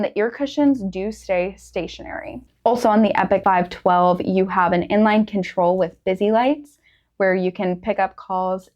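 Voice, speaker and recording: A woman's voice: mid-range voice, a little mellow. A woman hosting a product review in a casual presenting style.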